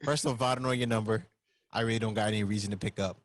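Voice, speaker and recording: A man's voice: lowish voice, steady tone, racing. A man co-hosting a casual podcast, emphatic and jokey, repeating points for effect. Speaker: podcast co-host.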